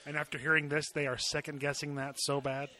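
A man's voice: on the high side, flat delivery, fast talker, bright, forceful tone. A man co-hosting a podcast in casual chat, joking and laughing often. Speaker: podcast co-host.

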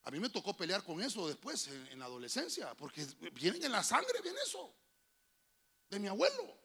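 A man preaching as a pastor with a Honduran accent, telling folksy family stories and calling the listener "hermano", building to shouted preaching. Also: sits high, huge pitch swings, normal speed, slightly rough. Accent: Honduran Spanish. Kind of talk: sermon with personal anecdotes. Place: church.

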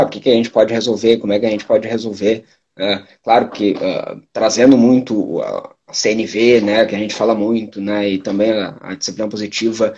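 Man, teacher, husky, hesitant, unhurried, dull lo-fi audio. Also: lowish voice. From Brazil. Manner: unhurried, hesitant, many fillers. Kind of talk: live educational talk answering questions. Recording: dull lo-fi sound.

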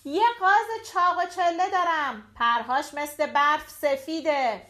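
Storybook kid: a woman voicing a kind young boy, eager, high voice. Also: very animated. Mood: calling out. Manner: eager, calling out.

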